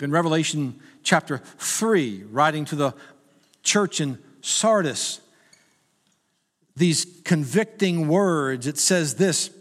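Male pastor, sermon, high voice, joking and conversational, long church reverb. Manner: conversational, self-deprecating humor, rising to urgent appeals. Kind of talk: sermon with humorous stories.

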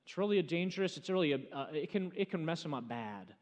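A man preaching a sermon as pastor, swinging between loud, urgent stretches and hushed, slowed emphasis. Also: fairly high pitch, animated. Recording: long hall reverb.

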